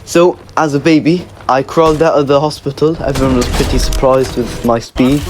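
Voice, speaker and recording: A man's voice: medium pitch, fairly even intonation, a little fast. Male online host, casual storytime narrator, playful and meandering, light background noise. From Egypt. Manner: rambling, playful, self-correcting. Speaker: YouTube gaming host.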